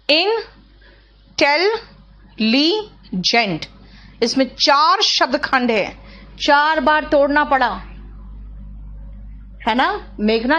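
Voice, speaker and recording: A woman's voice: a little high, highs cut off. A woman teacher giving a grammar lesson, spelling out words syllable by syllable and checking that her students follow. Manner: explains slowly, drawing out words syllable by syllable; asks students questions, checks understanding.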